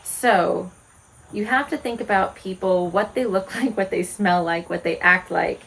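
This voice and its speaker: Frank woman, about forty, homestead vlogger; earnest rhetorical musings, mid-pitched voice. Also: a little slow, creaky, a bit bright, poor audio. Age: 40s. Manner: earnest, candid, asks many rhetorical questions. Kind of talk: reflective direct-to-camera talk.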